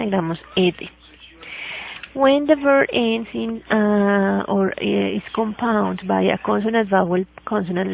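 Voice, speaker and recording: A woman with a Colombian accent gives a grammar lesson, going over each rule twice and checking in with her students after almost every step. Her voice carries a heavy gravelly fry. The sound is thin and tinny, like a phone line. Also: mid-range voice, slight background noise. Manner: repeats each rule in two languages, checks with "¿ya?" and "¿sí?". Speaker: English teacher.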